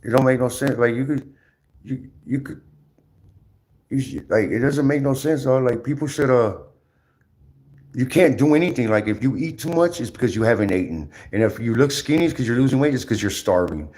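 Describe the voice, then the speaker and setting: A man ranting casually on his livestream, rambling and repetitive, with lots of slang, swearing and halting restarts. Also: mid-range voice, lively intonation, a little mellow.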